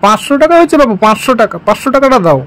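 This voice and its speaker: A man's voice: very high-pitched, sing-song, rapid-fire, a bit bright, full character voice, low-quality recording. A man voicing a bantering village chicken seller in a doll-story cartoon, who teases his customer. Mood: teasing.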